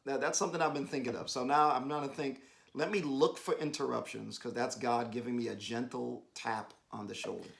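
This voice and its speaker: A man giving a devotional talk with his wife, exhorting and emphatic, rising to bursts of excitement, speaking over a video call. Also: medium pitch, brisk, vocal fry. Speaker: husband co-hosting a devotional. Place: home, joining an online meeting.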